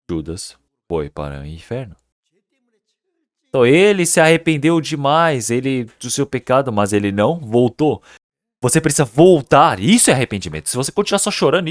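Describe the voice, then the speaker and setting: A man's voice: mid-range voice, no room sound, clean studio sound. A male pastor giving a Sunday sermon at a church service, earnest and emphatic, often putting rhetorical questions to the congregation. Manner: earnest, emphatic preaching with repeated words.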